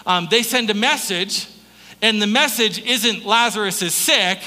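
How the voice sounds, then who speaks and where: Reverberating through a hall, a man's high, pushed and bright voice delivers an unhurried, conversational sermon. His style is informal and folksy, and he addresses his listeners directly.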